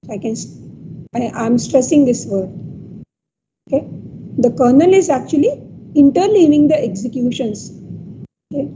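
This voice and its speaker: A woman with an Indian English accent giving a technical lecture, speaking hesitantly with many fillers and often checking that listeners follow. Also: high voice. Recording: dull lo-fi audio with clear background noise.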